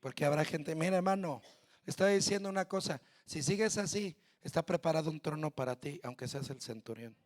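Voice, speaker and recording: A male pastor with a Mexican Spanish accent preaching a sermon, speaking straight to the congregation and building to shouted peaks. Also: a little high, a little fast. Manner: preaching with shouted climaxes and direct address to the congregation.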